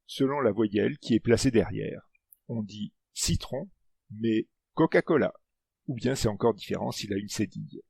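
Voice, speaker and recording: Male presenter, husky and gravelly, scripted lesson read in a dry booth. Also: mid-range voice, darkish tone, dry recording. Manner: explanatory, stresses example words. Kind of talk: scripted educational narration.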